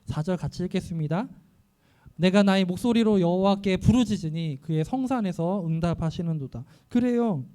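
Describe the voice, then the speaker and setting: A male pastor preaching an earnest sermon, often voicing prayers aloud and pausing with fillers. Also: high voice, expressive, mellow.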